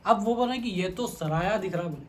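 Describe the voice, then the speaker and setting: A high-voiced man delivers a religious lecture as a story. He speaks colloquially and repeats his phrases. Faint background hiss sits under his voice. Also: lively intonation.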